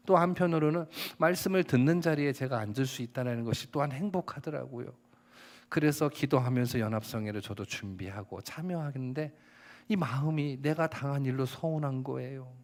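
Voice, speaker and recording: A middle-aged male pastor preaching a sermon, telling personal stories and acting out quoted dialogue, sometimes rising to a shout. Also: mid-range voice.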